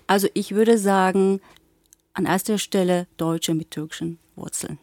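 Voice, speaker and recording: A woman's voice: medium pitch, fairly even intonation, unhurried, darkish tone, dry recording. A woman in her forties, born in Bulgaria with Turkish as her first language, speaking earnestly as a teacher and guest on a talk show. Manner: earnest, fluent with some hesitations.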